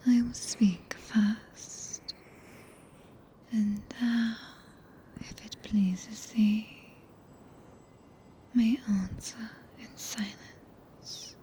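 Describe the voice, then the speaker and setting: A woman acts out a solemn, tender witch mistress with a British accent. She whispers in archaic phrases, extremely slowly and intimately, with a soft, dark tone. It is an ASMR roleplay captured close on a binaural mic, over faint ambient noise. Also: on the high side, fairly even intonation. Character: tender, possessive four-handed witch, solemn and regal mistress. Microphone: close binaural ASMR microphone.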